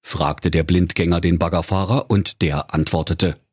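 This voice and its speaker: A man's voice: low voice, very animated, moderate pace, breathy edge, no room sound, clean studio sound. A man narrating a parody fairy tale in a mock-solemn storybook manner.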